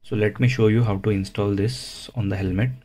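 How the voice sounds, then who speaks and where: A man giving a casual, unhurried how-to narration, explaining things plainly step by step. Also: on the low side, steady tone, warm tone. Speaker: motovlogger, presenter.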